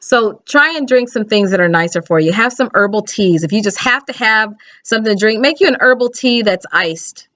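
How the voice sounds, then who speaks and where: A middle-aged American video blogger chats casually to camera from a small indoor room at home, giving plain-spoken, instructive advice directly to the viewer. Her medium-pitched, slightly bright voice is brisk and lively with hardly any pauses. A webcam or laptop mic at arm's length gives dull lo-fi audio with no room sound.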